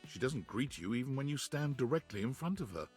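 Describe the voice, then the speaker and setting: A man's voice: mid-range voice, big pitch swings, fairly quick, darkish tone, soft background music, lightly acted. A man giving wry, scripted storytelling narration for a video game. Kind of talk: scripted second-person narration.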